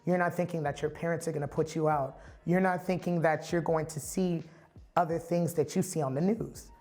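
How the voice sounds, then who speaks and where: A man's voice: fairly high pitch, steady tone, fairly quick, darkish tone. A man from the Bay Area giving a candid, reflective personal testimony as a storyteller. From San Francisco Bay Area.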